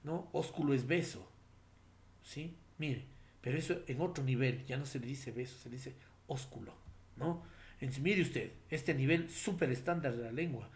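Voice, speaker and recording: A middle-aged man lecturing like a teacher, his voice sitting at an ordinary middle pitch. He explains patiently and formally, stopping again and again to check in with tag questions. Fillers and small restarts run through his talk. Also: normal speed. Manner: explanatory, addresses listener formally. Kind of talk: classroom lecture.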